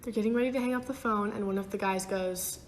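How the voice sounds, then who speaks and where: A woman's voice: medium pitch, quick pace, slight background noise. A young adult woman telling a casual storytime vlog, chatty and giggly, often breaking into laughter. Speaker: TikTok storyteller.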